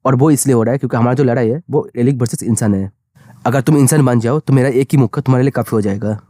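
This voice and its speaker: A man voicing a panicky young male fighter who keeps complaining and yelling in a manga recap. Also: mid-range voice, fast, no room sound, clean studio sound, natural voice. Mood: frantic.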